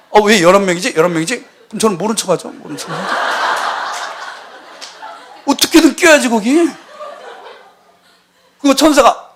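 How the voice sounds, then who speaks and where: A man in his forties, a missionary preaching a lively sermon in a church, telling stories and acting out the voices in them. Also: sits high, husky. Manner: animated storytelling, acting out quoted voices.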